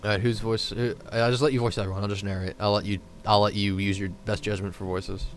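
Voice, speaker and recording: A man's voice: lowish voice, flat delivery, fast talker, a little hiss or hum. A man streaming a dating game, chatting casually, joking and swearing freely while narrating the story.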